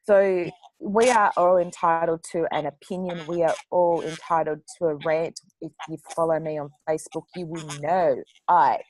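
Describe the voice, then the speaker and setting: A woman's voice: deep voice, fairly even intonation, normal speed, a little mellow, no room sound, poor audio. A woman author on a panel discussion who talks bluntly, swears freely and laughs often.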